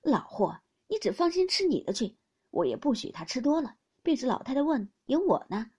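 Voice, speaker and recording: A woman's voice: sits high, big pitch swings, moderate pace, dark tone, breathy edge, exaggerated voice. A woman voicing a genial, indulgent middle-aged aunt who speaks cheerfully and reassuringly in a storybook reading.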